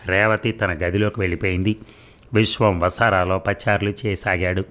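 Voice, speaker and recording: A man with a lowish voice reads a story aloud. His narration is calm and even, with a measured, steady pace. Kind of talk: scripted narration.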